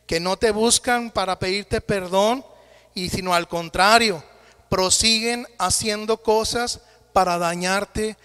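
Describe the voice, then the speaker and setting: A man's voice: high-pitched, fairly bright tone, smooth. A male pastor, preaching a folksy sermon and often calling his listeners brothers. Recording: reverberant church hall.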